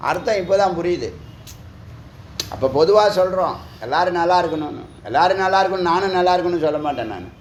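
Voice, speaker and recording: A man's voice: sits high, animated, quick pace. A man giving a spiritual discourse, scolding his listeners with teasing rhetorical questions. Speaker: spiritual teacher. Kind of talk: Tamil discourse on scripture. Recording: echoey room, faint background noise.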